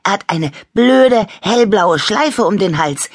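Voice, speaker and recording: A woman's voice: deep voice, expressive, slow, fairly bright tone, slightly rough, no room sound, studio quality, heavily acted. A woman voicing a jealous, pouting little toy girl with a whiny, indignant manner, in a storybook reading.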